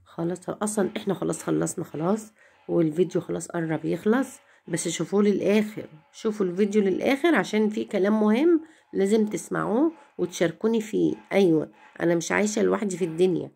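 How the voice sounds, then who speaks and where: Middle-aged woman, Egyptian accent, home vlog chatter, rapid speech, mellow dark tone. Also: lowish voice, creaky, slightly rough. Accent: Egyptian Arabic. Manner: complaining, repeats herself, talks straight to viewers. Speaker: home vlogger.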